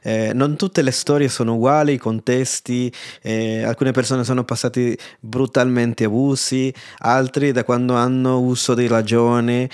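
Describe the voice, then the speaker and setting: A man speaks as the host of a conversational interview. His voice sits at an average pitch. The recording is dry, with very little room sound. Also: little pitch movement, unhurried, hardly any pauses, darkish tone, dry recording.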